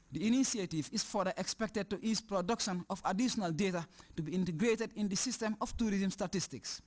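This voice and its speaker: A man with a Gambian accent reading a scripted news report in a formal, measured way. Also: high voice.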